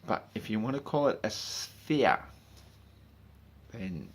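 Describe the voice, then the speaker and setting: A man in a drunken, rambling, sweary rant, speaking informally and haltingly, with emphatic bursts and muttered asides. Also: on the low side, very animated, vocal fry, slight background noise. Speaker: monologue speaker.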